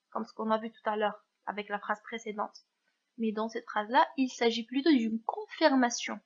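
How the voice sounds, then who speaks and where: Slow, patient woman teaching grammar. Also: on the high side, lo-fi sound. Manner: slow, patient, checks understanding often. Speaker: French teacher. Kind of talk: grammar lesson.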